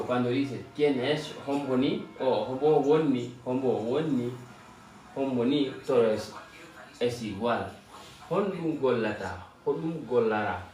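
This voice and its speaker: A man whose first language is Fula, teaching a language lesson slowly and checking in with "¿vale?" after nearly every point. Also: medium pitch, a little mellow. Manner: slow, repeats words and asks "¿vale?" often. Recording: very echoey room, mic at a distance, music behind. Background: background music.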